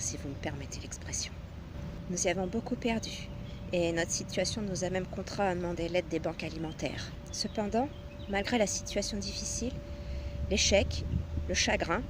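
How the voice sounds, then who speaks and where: A woman in her thirties, a personal development coach, narrates her own story in a measured, earnest tone with a few hesitations. Her voice sits at an ordinary pitch for a woman. A steady hiss and passing traffic sit behind her.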